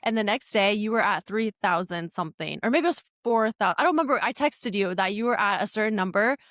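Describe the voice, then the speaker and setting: A woman's voice: mid-range voice, expressive, fast, fairly bright tone, no room sound, studio quality. A woman co-hosting a podcast, chatting in an enthusiastic, gushing way. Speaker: podcast co-host. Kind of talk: casual podcast chat.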